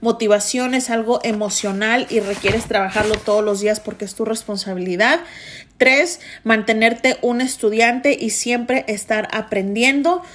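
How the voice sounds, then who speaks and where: Anfitriona de pódcast: mujer joven, voz un poco alta, habla con mucha intensidad y énfasis. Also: female voice, on the high side, normal speed, fairly bright tone, a little hiss or hum. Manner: intense and emphatic. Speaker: podcast host. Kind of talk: motivational podcast monologue.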